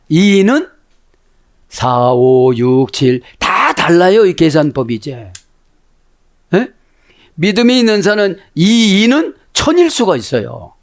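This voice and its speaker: Lively, animated male pastor preaching. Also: high-pitched. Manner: animated, constantly prompting the congregation with "에?"; acts out quoted voices within the sermon. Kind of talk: sermon.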